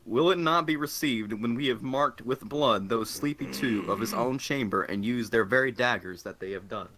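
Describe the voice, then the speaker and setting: A man reading a plotting nobleman, bright and stiff. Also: medium pitch, moderate pace, a little hiss or hum, lightly acted. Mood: resolved. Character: wavering nobleman plotting a murder. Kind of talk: amateur reading of a classic play.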